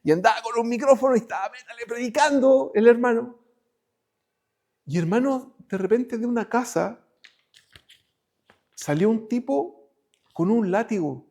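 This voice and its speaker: High-voiced man preaching. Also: lively intonation, moderate pace, pauses often. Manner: preaching, moving between raised emphatic lines and hushed ones. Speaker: pastor. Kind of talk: sermon.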